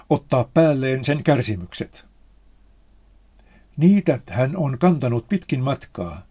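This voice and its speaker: A man's voice: mid-range voice, a little mellow, husky. Solemn man reading a spiritual text.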